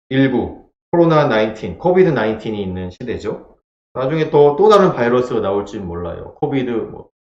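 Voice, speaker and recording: A male pastor preaching a sermon, emphatic, repeating lines and asking the congregation rhetorical questions. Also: medium pitch. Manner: acts out scripture quotes in a dramatized voice. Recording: roomy echo, dull lo-fi sound.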